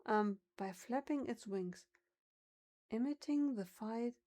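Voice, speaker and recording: A native German speaker with a German accent chats casually on a livestream, musing aloud about how words are pronounced. Her voice is a little high, slow, and mellow.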